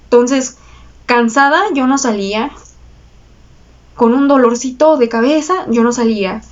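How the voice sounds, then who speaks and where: Through dull audio, a woman with a Mexican Spanish accent hosts her astrology channel, sharing a personal story with viewers in a fairly high voice at a measured pace. She's chatty and confessional, using slang, laughing often and tossing in tag questions.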